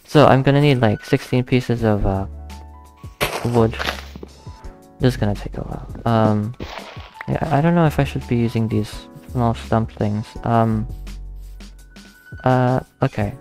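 A young man who is not a native English speaker hosts a gaming channel, playing at his desk and commenting casually as a let's play. He talks slowly, thinking aloud with frequent pauses, counting under his breath, laughing nervously and getting easily spooked. His mid-pitched voice is gravelly and creaky, with soft music faintly behind it.

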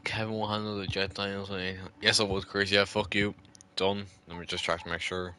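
Male game streamer, drunk, crude and rambling, low bright-edged voice, profanity-heavy casual chat. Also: little pitch movement, a little fast, smooth. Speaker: live streamer playing a video game. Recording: background noise with game ambience.

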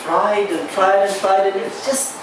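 A young man from Arabia, performing a stand-up set at an open mic in a small bar, halting and restarting his lines. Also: sits high, fairly even intonation. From Saudi Arabia. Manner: halting delivery with restarts and drawn-out pauses. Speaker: stand-up comedian. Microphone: handheld mic, recorded by far camera. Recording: echoey bar from far camera with noise.

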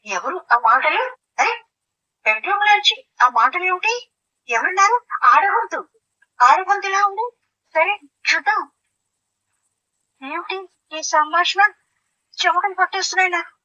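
A woman voicing a suspicious, quick-tempered young wife in a comic audio play, shrieking her accusations with theatrical outrage. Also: very high voice, sharp tone, far from the mic, lo-fi sound, voice pushed up, exaggerated voice.

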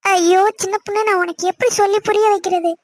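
A woman voices a nervous mother in an animated series. Her voice is very high and fast, with a flat, level delivery that keeps pleading. The sound is close and dry. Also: dry recording. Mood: worried. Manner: pleading and apologetic. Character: worried middle-aged village mother, timid of her husband. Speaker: cartoon voice. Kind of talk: Tamil cartoon voice acting.

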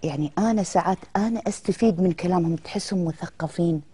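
A woman's voice: fairly low pitch, quick pace, husky. A middle-aged woman, an actress guest telling stories in a casual TV interview. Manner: lively, animated storytelling with quoted dialogue.

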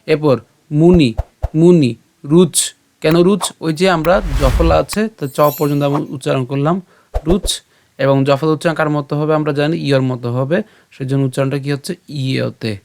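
A man with a Bengali accent, teaching pronunciation of a Sanskrit verse step by step, chanting lines slowly between quick explanations. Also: on the high side, steady tone, gravelly, darkish tone, slight background noise.

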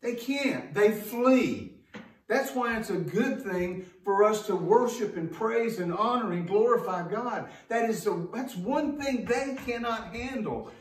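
A pastor with a high voice and lively intonation preaches a little slowly to his congregation, emphatic and folksy, tossing out rhetorical questions. He stands at a wooden pulpit in the church sanctuary, picked up by a distant microphone in an echoey room.

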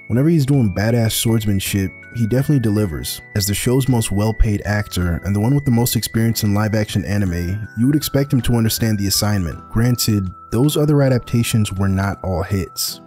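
A man's voice: fairly low pitch, fairly quick, few pauses, warm tone, soft background music. A young man narrating a scripted video essay in a dry, sarcastic way.

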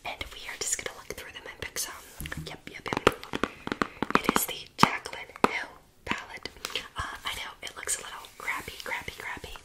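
A young woman in a whispered role-play as a sassy, condescending mean girl, talking close up in a fast, chaotic way and repeating words in rapid strings. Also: low-quality recording. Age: young adult. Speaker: ASMR performer. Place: small room indoors.

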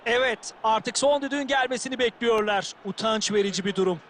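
A man's voice: sits high, brisk, a bit bright. A man giving analytical football commentary as the second voice in a video game.

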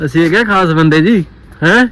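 A man's voice: a little high, fairly quick, fairly bright tone. A young man with a Punjabi accent chatting casually and jokingly, cocky, often adding short questioning tags.

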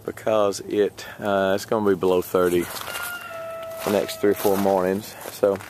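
A man's voice: deep voice, little pitch movement, normal speed, darkish tone, slight background noise. A man from Texas giving a casual, rambling walkthrough of his garden outdoors, with lots of fillers and little chuckles. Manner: rambling, hesitant, many fillers, chuckles often. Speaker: vlogger. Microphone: handheld camera.

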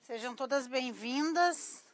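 Thin, reedy, high-pitched Brazilian woman. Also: slow, a little hiss or hum. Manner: chatty, informal, often addressing viewers. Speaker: craft teacher hosting a live class. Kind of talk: casual live-stream tutorial chat. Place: small cluttered craft workshop indoors. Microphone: clip-on lapel mic.

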